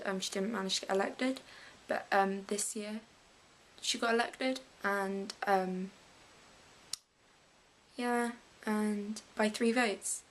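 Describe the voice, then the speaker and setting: A woman's voice: mid-range voice, creaky, a little hiss or hum, rough recording. A teenage girl with an English accent, rambling about politics in a casual vlog and often restarting her sentences. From England. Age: late teens. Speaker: vlogger.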